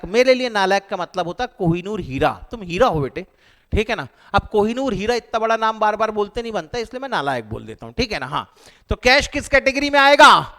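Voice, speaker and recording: A man teaching an accounting lecture to a class, animated and joking as he quizzes his students. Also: sits high, smooth. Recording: long hall reverb.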